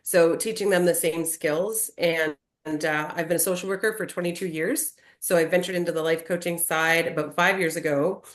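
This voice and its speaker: A woman's voice: lowish voice, fairly even intonation, normal speed. A woman who is a life coach and therapist, chatting casually on a podcast from a freshly moved-into room with bare walls that makes her voice echo.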